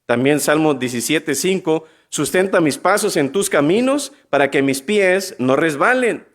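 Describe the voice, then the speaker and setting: High-voiced preacher, lively questions. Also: male voice. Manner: acts out biblical dialogue in quick voices, asks the congregation questions. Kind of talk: sermon.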